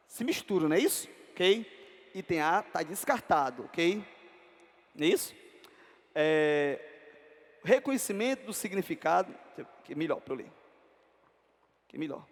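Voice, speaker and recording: A man's voice: sits high, in a large hall. A Brazilian man teaching an exam-prep language lesson, constantly asking his students to confirm with short tag questions. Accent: Brazilian Portuguese. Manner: peppers talk with tag questions.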